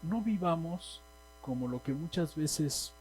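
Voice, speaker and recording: Mexican male preacher, emphatic, a bit high-pitched, faint hum on the recording. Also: lively intonation, slow, a little mellow, poor audio. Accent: Mexican Spanish. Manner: emphatic, asks the congregation questions. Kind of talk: sermon. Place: church hall.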